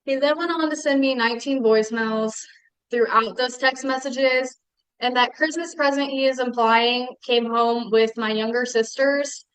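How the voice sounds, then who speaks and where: A woman giving a steady statement in court, reading out messages she received. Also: on the high side, moderate pace, clear, resonant tone, no echo, low-quality recording.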